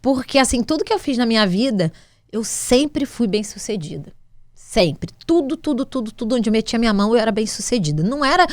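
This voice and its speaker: Animated Brazilian woman telling her story. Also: a little high, brisk, no room sound. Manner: animated, acts out dialogue with many restarts. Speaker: guest, restaurant business owner. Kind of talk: emotional personal storytelling in an interview.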